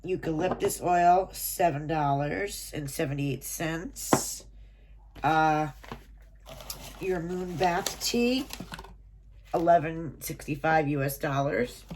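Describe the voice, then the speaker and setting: In a small room at home, a woman unboxes a subscription box, reading items and prices from a booklet and adding chatty asides. Her low voice sounds stuffy and nasal, as if a cold is coming on, and she takes her time against a noisy background.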